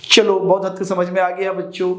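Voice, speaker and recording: In an echoey room, a man lectures students on chemistry, posing rhetorical questions, repeating the answers, and calling his students children. His voice is high-pitched, monotone, and brisk.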